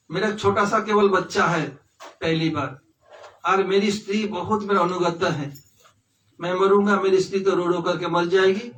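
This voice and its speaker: A man's voice: high-pitched, fairly bright tone, a little hiss or hum. A man voicing a frightened young husband and father in a devotional story, pleading anxiously. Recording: echoey hall, distant mic.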